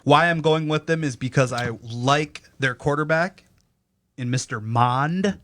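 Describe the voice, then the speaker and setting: A man's voice: on the high side, measured pace, fairly bright tone, dry recording. A young man hosting a casual sports podcast, reading headlines aloud and teasing his co-hosts between items. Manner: reads news items then riffs, teasing.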